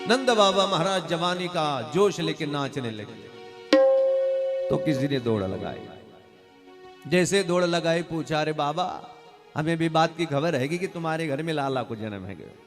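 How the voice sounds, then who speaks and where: A man's voice: on the high side, lively intonation, unhurried, music in the background. A man from Maharashtra, a Marathi native speaker, telling a devotional story as a sermon and acting out village characters in dialect voices. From Maharashtra, India. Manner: urges the audience to call out loudly. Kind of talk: Bhagavat katha sermon storytelling.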